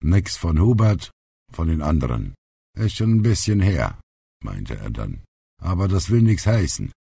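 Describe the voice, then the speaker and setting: A man reading an audiobook, voicing a blunt, outspoken old grandfather who is gruff but loving. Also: low-pitched, big pitch swings, measured pace, warm tone, no room sound, voice pushed up, exaggerated voice. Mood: dry. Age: older. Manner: blunt, plainspoken.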